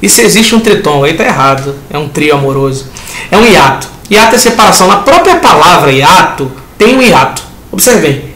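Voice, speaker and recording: A man's voice: fairly high pitch, very animated, brisk, pushed and bright, roomy sound, a little hiss or hum. A man with a Brazilian Portuguese accent teaching a lesson that reviews exam answers, talking the class through each step and acting out students' questions.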